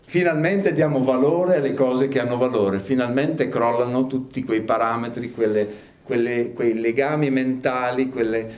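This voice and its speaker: A man preaching a sermon as pastor, rising now and then into loud, high bursts of fervor. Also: fairly even intonation, normal speed. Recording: echoey room, faint ambience.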